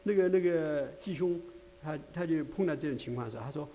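A man's voice: a little high, fast, mellow. A man preaching a conversational sermon, full of rhetorical asides, restarts and filler sounds.

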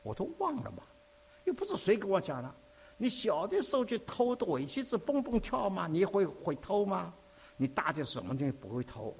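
A man from preaching a sermon, telling his own story in an animated, conversational way. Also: sits high, moderate pace, vocal fry, slightly rough. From Dinghai, Zhejiang, China. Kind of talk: sermon with personal testimony.

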